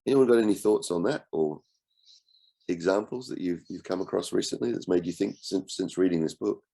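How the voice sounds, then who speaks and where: A man with a cold and a croaky voice, hosting an online book discussion in a relaxed way and asking his group questions. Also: low-pitched, brisk. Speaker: book club host and coach.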